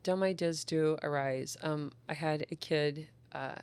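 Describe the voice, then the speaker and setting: A woman child psychologist talking in a casual podcast conversation, an enthusiastic, animated storyteller who acts out the people she quotes. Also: deep voice, a little slow, clean tone, no echo.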